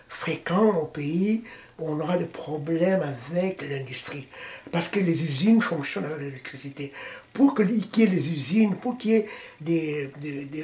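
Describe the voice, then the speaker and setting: A man from the Democratic Republic of the Congo with a Congolese French accent, answering interview questions haltingly, with many fillers and restarts. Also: fairly high pitch, darkish tone. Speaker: interviewee, political party founder. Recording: echoey room with faint noise.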